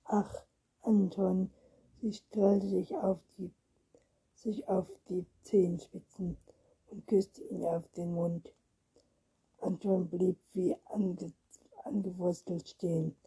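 Slow, breathy woman reading a children's story. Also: lowish voice, flat delivery, warm tone, low-quality recording. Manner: halting, with frequent stumbles and restarts, often half-whispered. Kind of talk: reading a children's book aloud.

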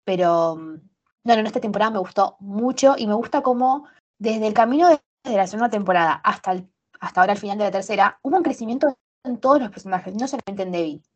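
A young woman with a Rioplatense Spanish accent, co-hosting a podcast in casual, animated chat full of slang and restarts. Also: medium pitch, fast talker, muffled recording. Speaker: podcast co-host.

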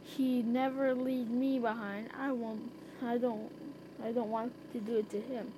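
Woman reading as a young male storybook wolf, stubborn and grieving, fairly high voice, lines read with plain emphasis. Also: little pitch movement, unhurried, warm tone, a little hiss or hum, close to an everyday voice, poor audio. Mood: pleading.

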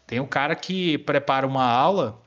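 In dull audio, a twenty-nine-year-old Brazilian history teacher chats as a podcast guest at normal speed, his medium-pitched voice a bit bright. He explains things informally, slipping in slang and some swearing.

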